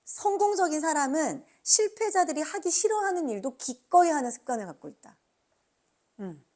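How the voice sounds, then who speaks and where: Female seminar trainer: urging motivational delivery, highly animated swings in pitch, punchy questions to the audience. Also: normal speed. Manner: emphatic, urging, asks the listeners frequent rhetorical questions; acts out quoted remarks. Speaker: motivational speaker training business team members. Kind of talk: motivational business seminar talk.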